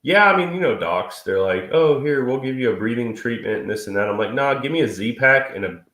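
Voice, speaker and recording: A man's voice: mid-range voice, expressive, brisk, fairly bright tone. A man in his thirties co-hosting a live stream in casual, crude, joking chat, stuffy and sniffly from a cold. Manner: crude, joking, swears freely. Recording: echoey room.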